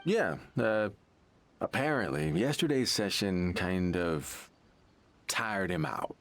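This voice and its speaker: A man's voice: low voice, very animated, slow, slight background noise, heavily acted. A man voicing a troubled, evasive bathhouse patron in an anime game, hesitant and dismissive. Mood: sheepish. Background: faint background music.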